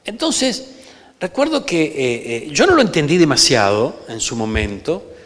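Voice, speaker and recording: A man's voice: fairly high pitch, very animated, unhurried, fairly bright tone. A man with an Argentine Rioplatense accent, a pastor preaching an emphatic sermon in a church and often calling for amens. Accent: Argentine Rioplatense Spanish. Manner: emphatic preaching, peppered with calls for amen. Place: church sanctuary. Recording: reverberant church hall.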